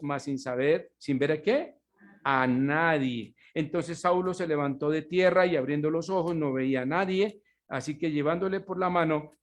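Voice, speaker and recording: A male pastor giving a sermon, stressing key words and asking his congregation rhetorical questions for them to finish. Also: fairly high pitch. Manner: emphatic preaching with slowed, stressed words.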